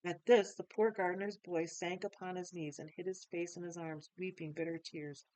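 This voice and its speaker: A woman's voice: lowish voice, steady tone, moderate pace, a little mellow, no echo, rough recording. A woman reading a children's book aloud, then chatting to listeners in friendly asides. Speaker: storyteller.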